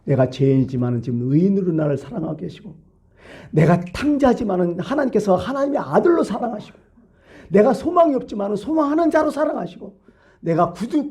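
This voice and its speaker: A man's voice: high-pitched, lively intonation, fast. Emphatic preaching male pastor. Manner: emphatic preaching with rhetorical questions, swinging from loud to hushed. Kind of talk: sermon. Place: church.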